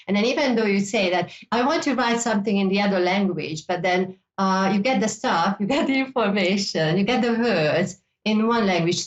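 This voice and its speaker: Speaking in a mid-range voice, a native Hungarian woman with a matching accent hosts a psychic show, teaching in a casual, meandering way full of repeated words and "you know." The recording has a dull, lo-fi quality.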